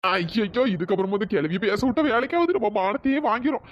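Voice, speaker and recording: A man's voice: high-pitched, very animated, brisk, dry recording, lo-fi sound. A man voicing a flustered, mischievous young husband in a cartoon, pleading and muttering to himself. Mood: panicked.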